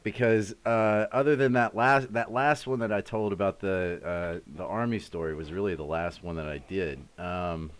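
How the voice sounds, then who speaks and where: Chatty American man, lively low voice. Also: clear, resonant tone. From United States. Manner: rambling, chatty, laughs often, talks to chat viewers by name. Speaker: live stream host. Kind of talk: casual live-stream chat.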